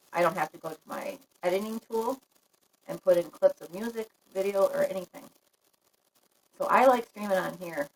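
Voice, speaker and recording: A woman's voice: mid-range voice, low-quality recording. A woman live-streaming a casual chat to her viewers, talking frankly and laughing often. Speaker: livestream vlogger.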